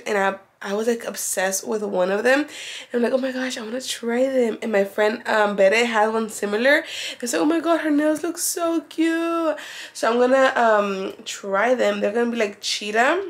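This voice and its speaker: A young woman vlogging casually, chatty and excitable, switching between Spanish and English. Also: fairly high pitch, moderate pace. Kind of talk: casual vlog chat.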